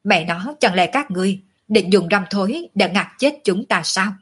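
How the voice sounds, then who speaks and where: A woman's voice: mid-range voice, animated, moderate pace, slightly rough. Woman reading as a mocking young swordsman. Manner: scornful, coarse.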